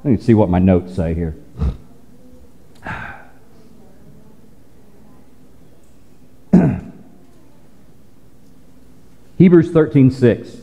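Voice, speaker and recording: A man preaching a sermon as pastor, conversational with playful teasing asides and quick restarts. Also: medium pitch, mellow, big-room sound, highs cut off. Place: church sanctuary.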